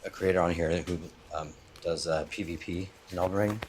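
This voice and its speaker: Very deep-voiced man, hesitant caller. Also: fairly even intonation, brisk, a little hiss or hum. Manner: hesitant, many fillers, dry. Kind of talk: casual call-in chat and debate.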